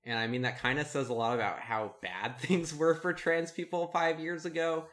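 A man co-hosting a podcast, giving advice in relaxed casual chat with many fillers and restarts. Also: a little high, moderate pace. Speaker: podcast co-host.

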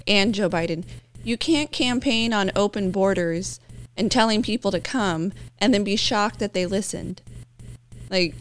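A woman co-hosting a casual political chat, talking in an animated and often sarcastic way. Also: medium pitch, measured pace, no room sound. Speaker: co-host.

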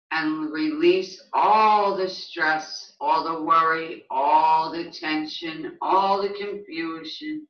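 A spiritual guide leading a guided meditation in a soothing, hushed manner with long pauses. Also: mid-range voice. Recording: echoey, distant, slightly muffled recording.

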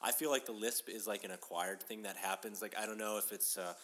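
Casual guest: New man, 30s, bright and slightly low, laughs through his talk. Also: steady tone, a little fast. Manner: laughs often while talking. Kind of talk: casual chat.

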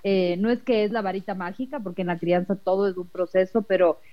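A woman hosting a parenting talk show, speaking in a measured way as she closes the episode. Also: medium pitch, steady tone, muffled recording. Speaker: host. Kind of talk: casual radio talk.

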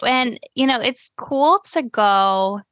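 A woman's voice: fairly high pitch, animated, takes it slowly, fairly bright tone, dry recording, studio quality. A woman from Cleveland, Ohio, hosting a podcast in a casual chat, friendly and full of "you know" fillers. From Cleveland, Ohio, USA. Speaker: podcast host.

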